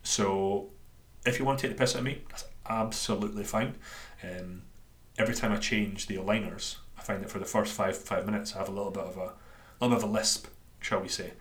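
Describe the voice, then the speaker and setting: A man's voice: on the low side, fairly even intonation, a little fast, a bit bright. A man with a Dundee Scottish accent talking casually and informally as a solo podcast host and coach, rambling a little and self-deprecating. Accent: Dundonian Scottish. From Scotland. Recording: roomy, echoey sound.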